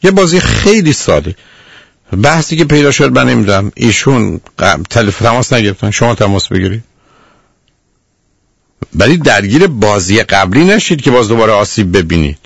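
A man's voice: on the low side, lively intonation, gravelly, breathy edge, dry recording, studio quality. A man hosting a radio call-in advice show, lecturing a caller sternly and calling them dear again and again. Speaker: radio counselor.

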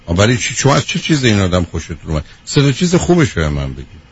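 A man's voice: lowish voice, wildly swooping pitch, husky, highs cut off. A man hosting a call-in advice show, blunt and direct, firing questions at the caller. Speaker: radio advice host.

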